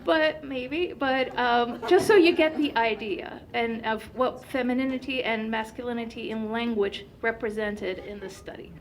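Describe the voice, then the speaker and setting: A native Turkish-speaking woman gives an animated conference presentation full of fillers. Her voice is fairly high, her pace moderate, and she seldom pauses.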